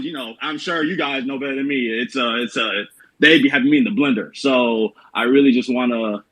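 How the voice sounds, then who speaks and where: A man's voice: medium pitch, fairly bright tone, low-quality recording. Hesitant young-sounding Atlanta man. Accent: Southern US (Atlanta). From Atlanta, USA. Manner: hesitant, many fillers and restarts, slangy. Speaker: caller asking for advice. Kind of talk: casual chat.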